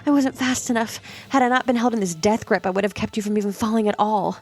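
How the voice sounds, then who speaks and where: A woman voicing a trapped young woman who speaks in a higher, urgent, breathless way. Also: quick pace, faint music behind, lightly acted. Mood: relieved, upset.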